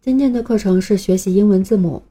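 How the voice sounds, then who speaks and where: Patient woman teaching in a dark voice. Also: medium pitch. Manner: patient, clear explanations with drawn-out example sounds. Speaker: English teacher. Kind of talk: recorded lesson for beginners.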